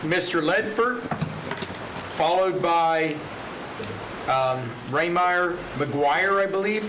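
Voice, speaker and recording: A man's voice: fairly high pitch, expressive, slow. A man chairs a formal public meeting with a courteous, procedural manner, calling up speakers. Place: indoor public meeting chamber. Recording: echoey meeting room with clear background noise.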